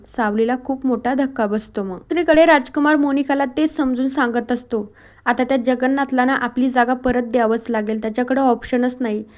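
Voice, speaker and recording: High-voiced woman recapping a TV serial. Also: a little mellow. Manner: retells scenes and reads characters' lines in her own voice. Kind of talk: episode recap storytelling.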